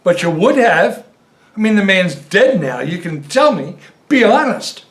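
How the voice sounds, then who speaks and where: A stiff, defensive older husband who gets indignant when anyone questions him, as a man plays him. His pitch rises and falls a lot, and the room around him echoes. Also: very animated, a little slow. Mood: hurt. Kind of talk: film drama acting. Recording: roomy echo.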